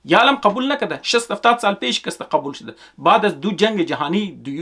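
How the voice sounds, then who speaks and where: A man with a Hazaragi accent delivers a political monologue. He argues emphatically and circles back to his points. His voice sits slightly high for a man. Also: fairly bright tone. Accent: Hazaragi Dari. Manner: emphatic, repetitive, argumentative. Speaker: commentator.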